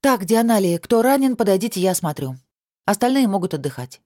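A woman voicing a brisk, commanding young woman warrior commander who gives crisp orders. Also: medium pitch, big pitch swings, warm tone, no room sound, clean studio sound, voice pushed up, close to an everyday voice.

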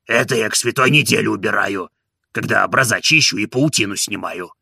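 An old manservant grumbles low and slow, his gravelly, husky voice sour with grievance, as a male reader puts him on. He sounds sulky and put-upon, dragging each complaint out. His tone stays bright and edgy despite the rasp. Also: no room sound, studio quality, full character voice. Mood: aggrieved.

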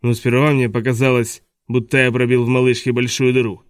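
A man doing a smooth, gloating villain. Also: medium pitch, level tone, a little fast, dry recording, studio quality, natural voice. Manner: smooth and falsely polite, gloating. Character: scheming, gleeful villain posing as a teacher. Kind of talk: audiobook dialogue reading.

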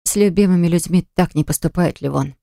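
A woman's voice: fairly low pitch, a little fast, vocal fry, mellow, dry recording, clean studio sound. A woman voicing a hurt young woman who answers her ex-fiancé in a cutting, reproachful way, in an audiobook. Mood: cold. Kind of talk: audiobook dialogue reading.

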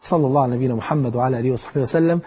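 A man with an Egyptian Arabic accent giving a lively colloquial sermon, exhorting the listener directly. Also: mid-range voice, rapid-fire, slightly rough. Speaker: preacher.

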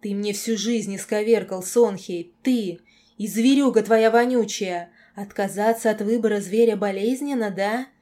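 A woman voicing a furious young woman in an audiobook, screaming insults in a hoarse, raw voice. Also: medium pitch, normal speed, mellow, natural voice. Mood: enraged. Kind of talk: audiobook character voice.

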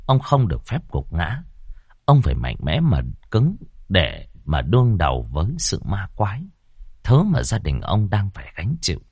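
Husky guy reading a ghost story, lots of drama in the voice, dry close mic. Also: on the low side, darkish tone, no room sound. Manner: dramatic, suspenseful narration.

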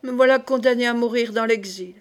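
A woman's voice: a little high, a little fast, lightly acted. A woman reading a despairing young prince who begs his mother, in an audiobook. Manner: imploring, anguished. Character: young royal son, pleading, despairing man.

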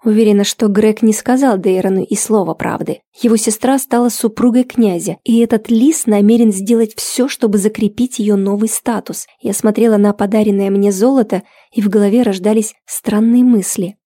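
A woman narrating a fantasy audiobook in the first person, with a wry, lively way of telling it. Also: mid-range voice, normal speed, few pauses.

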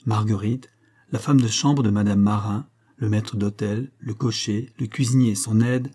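A man reading a story aloud in measured narration, raising his voice for the characters' quoted lines. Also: on the low side, steady tone, dark tone. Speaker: audiobook reader. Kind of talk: scripted narration.

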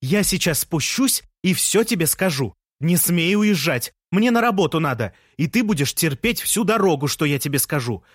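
Man putting on a shrill bossy shouting woman. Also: lively intonation, normal speed, few pauses, husky, dry recording, studio quality. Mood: angry shouting.

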